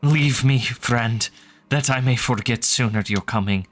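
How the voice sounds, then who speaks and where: A man's voice: mid-range voice, measured pace, voice pushed up, natural voice. A man voicing a tormented, sobbing ancient male creature who wails in a thick accent and grand, archaic speech. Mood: sobbing despair.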